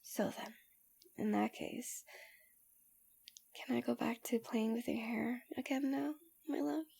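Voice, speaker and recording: A woman voicing a doting, possessive fox-spirit wife in a soft, breathy ASMR role-play, speaking gently, intimately and soothingly. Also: fairly high pitch, takes it slowly, heavily acted. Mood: adoring, tender.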